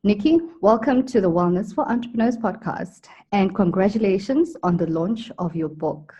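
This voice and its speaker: A woman hosts a podcast, giving polished introductions and prompting questions. Her voice is mellow and somewhat husky, pitched a little low. The sound is slightly dull and lo-fi. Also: moderate pace. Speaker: podcast host. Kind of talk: podcast interview.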